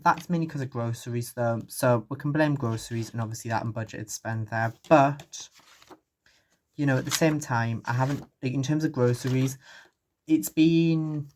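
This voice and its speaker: A young man from the United Kingdom chatting casually through his monthly budget, rambling with lots of fillers as he does sums out loud. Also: medium pitch. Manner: rambling, filler-heavy, thinking aloud while doing sums. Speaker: budgeting vlogger. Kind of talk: casual chat.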